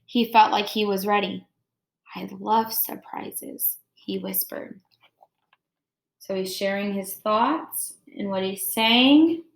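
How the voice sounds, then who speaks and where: Speaking slowly in a mid-range voice, a woman teacher reads a story to young children. She walks through it step by step, explaining as she goes.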